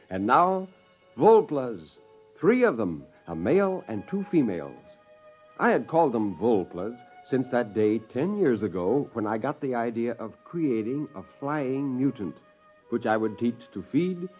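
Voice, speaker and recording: In a 1950s radio drama, a middle-aged American man plays an eccentric, gleeful scientist, narrating in first person as he plots a joke on mankind. His medium-pitched voice is unhurried, excited, theatrical, and punctuated by self-amused chuckles. Soft music plays under a dull, lo-fi 1950s radio recording.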